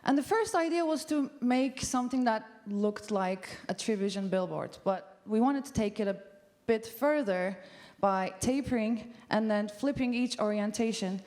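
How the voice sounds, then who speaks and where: A woman in her thirties from Turkey, a studio co-founder, gives a festival talk on a large stage. Her mid-range voice is a little mellow, and she speaks casually with frequent ums and uhs.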